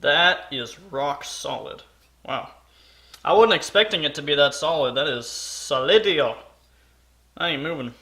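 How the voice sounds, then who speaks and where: A man's voice: on the high side, animated, normal speed, pushed and bright, poor audio. A man explaining a metal build in his workshop in a casual, chatty way, joking at his own expense. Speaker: maker and video host. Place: home workshop, not soundproof.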